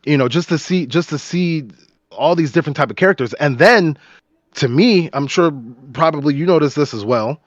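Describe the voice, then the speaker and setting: Excitable rambling man, dry dull sound. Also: fairly high pitch, normal speed, no echo. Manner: excitable, rambling with many restarts. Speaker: podcast co-host. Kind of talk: casual chat.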